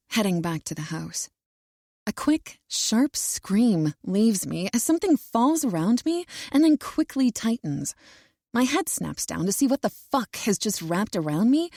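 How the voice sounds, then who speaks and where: Woman reading a romance audiobook, slow and even, dry close mic, bit of vocal fry. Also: medium pitch, dry recording. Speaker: audiobook narrator. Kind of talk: first-person romance audiobook narration.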